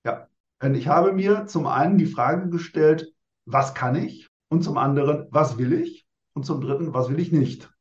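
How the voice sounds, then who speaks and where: A man in his sixties answering interview questions in a measured, formal, well-structured way. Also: fairly high pitch, roomy sound, lo-fi sound. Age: 60s.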